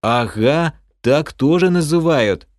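A man playing a shy, dreamy bald elf in a fantasy audiobook, somewhat higher than a plain male voice. He drawls his words slowly and calmly. The recording is dry and close. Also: no echo. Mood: placid. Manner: drawling, placid, unhurried. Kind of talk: audiobook character voice.

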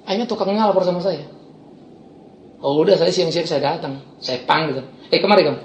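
A middle-aged man, a pastor preaching a sermon and telling stories with lively swings from loud to soft. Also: a little high, moderate pace, reverberant, lo-fi sound, a little hiss or hum. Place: church.

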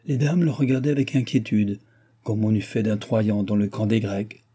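A man reading a classic novel aloud as the narrator, in a measured, even storytelling delivery. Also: lowish voice, husky. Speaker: audiobook reader.

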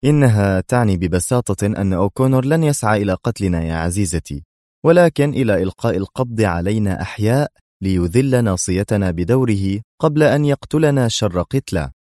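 A man voicing a cool, sarcastic male secret agent who talks with calm, mocking ease. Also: fairly low pitch, brisk, no room sound, studio quality, close to an everyday voice.

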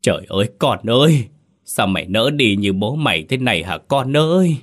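A man voicing an old village mother, wailing loudly for her dead son. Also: medium pitch, big pitch swings, normal speed, pitched above the performer's own voice. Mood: anguished. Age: older. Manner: loud anguished wailing.

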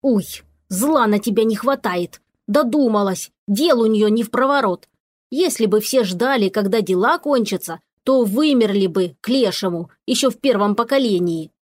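A woman's voice: medium pitch, animated, moderate pace, close to an everyday voice. A woman voicing a grumpy male house spirit who scolds and grumbles, in a storybook reading. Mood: grumbling.

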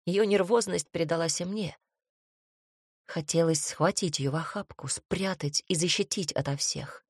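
A woman narrates a fantasy storybook in an even, expressive reading. Her voice is husky and a little low. The recording is dry and close. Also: moderate pace, dry recording. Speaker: audiobook narrator.

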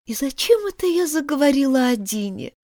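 A woman's voice: huge pitch swings, normal speed, darkish tone, no room sound, clean studio sound, heavily acted. A woman voicing Alice, a polite, eager little girl, in a storybook reading. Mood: wistful. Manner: high, earnest and eager to please.

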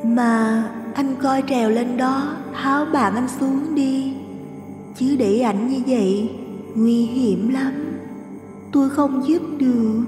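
A man voicing a gentle, playful young village girl in an audio ghost story, speaking softly and chattily. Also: very high voice, slow pace, music in the background, pitched above the performer's own voice. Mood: plaintive.

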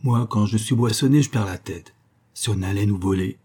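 A man voicing a dim-witted, brutish male convict with a slow, thick-headed delivery. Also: on the low side, warm tone, slightly rough. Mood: eager.

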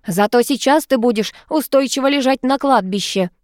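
A woman voicing a hot-tempered, protective male cat familiar who shouts in indignant outbursts, as in an audiobook. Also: high voice, normal speed, no room sound, studio quality, voice pushed up, close to an everyday voice. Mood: furious. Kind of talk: audiobook character voice.

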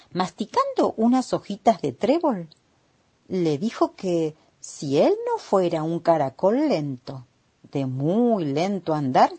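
Argentine woman storyteller, husky, lively pitch, slow radio read. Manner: gentle, unhurried, expressive reading.

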